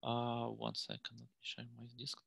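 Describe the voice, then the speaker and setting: A Russian-accented man in his thirties, a guest speaker, presents at a meetup over a video call, using a headset in a room at home. His medium-pitched voice is monotone, creaky and fairly bright, with no echo, and he halts often with fillers and restarts.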